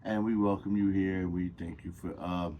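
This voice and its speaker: A man co-hosting a podcast, talking in a relaxed, loose, conversational way. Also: sits low, moderate pace, muffled recording, slight background noise. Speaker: podcast co-host. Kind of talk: casual chat.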